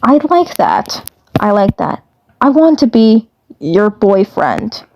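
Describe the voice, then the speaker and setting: A woman voicing a smitten, flustered little male alien commander in an amateur fandub, halting and repeating phrases. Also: medium pitch, sing-song, darkish tone, rough recording. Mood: tender.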